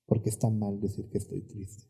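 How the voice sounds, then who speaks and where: A man with a Mexican accent, a therapist guest explaining emotions in a calm, reflective podcast conversation. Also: lowish voice, brisk, creaky, husky.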